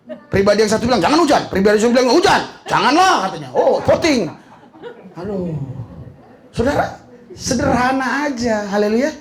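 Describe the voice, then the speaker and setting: A man's voice: high-pitched, expressive, normal speed, long pauses. A middle-aged man preaching a humorous sermon as a pastor, joking and laughing as he goes. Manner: joking, laughing, mixing in slang. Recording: echoey hall.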